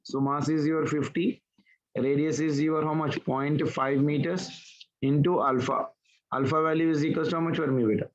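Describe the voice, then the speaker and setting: A man's voice: fairly high pitch, fairly even intonation, moderate pace, highs cut off. A man teaching physics in an online class, working through problems step by step and asking students for answers. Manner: talks students through steps, asks questions back. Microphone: online class call.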